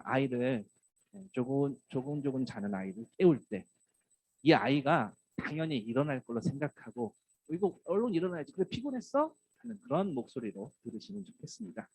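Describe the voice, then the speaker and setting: A man, a pastor, preaching a sermon, who now and then acts out tender lines in a soft voice. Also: mid-range voice, slightly rough, dry recording, poor audio. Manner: lively, acts out tender wake-up calls in a soft voice.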